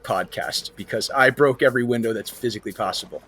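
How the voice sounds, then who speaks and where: A man's voice: mid-range voice, fast, fairly bright tone, a little hiss or hum. Man narrating a tabletop game as game master. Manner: vivid, repetitive scene-setting narration.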